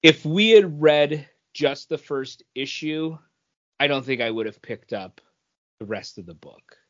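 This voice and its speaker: On a dull, lo-fi podcast recording, a male co-host with a slightly high, expressive voice speaks a little slowly. His comic book review is casual and rambling, and he repeats phrases while working out his thoughts.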